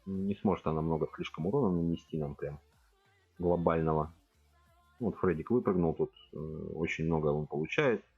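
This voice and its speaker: A man's voice: rumbling low, moderate pace, husky, dry recording, phone-quality sound, faint music behind. A man in his forties chatting casually with viewers as he plays, thinking aloud and speaking to his chat directly. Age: 40s. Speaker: game streamer. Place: home room at a computer.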